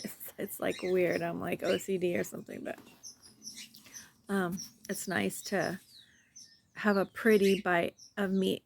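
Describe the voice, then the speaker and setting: A middle-aged woman rambles through a casual vlog in a tired, gravelly voice, often sinking to a near whisper. Her pitch sits in an ordinary middle range, and faint noise hangs in the background. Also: a little mellow. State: tired after a night shift. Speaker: vlogger.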